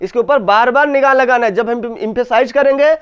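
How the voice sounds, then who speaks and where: A male teacher leading a grammar class. He repeats each point as a question to the students and slowly stretches the key words to stress them. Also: extremely high pitch, a little hiss or hum. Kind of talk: classroom lesson with call-and-response. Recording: slightly dull lo-fi sound.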